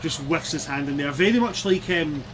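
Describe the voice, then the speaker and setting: Noise sits clearly over this recording of a Scottish man running a tabletop game. His voice is on the high side for a man, and he narrates casually as game master. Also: animated, normal speed. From Scotland.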